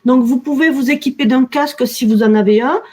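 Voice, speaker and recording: A woman with a southern French accent from the Midi-Pyrénées introduces and moderates a webinar, speaking in a measured way with frequent fillers. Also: high-pitched, darkish tone. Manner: measured, with frequent "alors" and "euh". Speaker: webinar moderator, communications officer.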